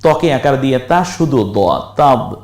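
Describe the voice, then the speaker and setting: Man, reading teacher, slow drilling delivery, roomy echo. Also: medium pitch, lively intonation, gravelly, darkish tone. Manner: slow syllable-by-syllable drilling, asks viewers questions. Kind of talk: recorded lesson, spelling and chanting words.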